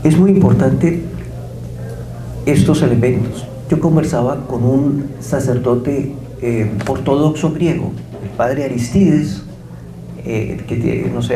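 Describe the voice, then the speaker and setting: Male guest lecturer, gravelly low-toned voice, storytelling delivery, echoey room. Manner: storytelling with quoted dialogue. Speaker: guest speaker. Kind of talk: religious lecture.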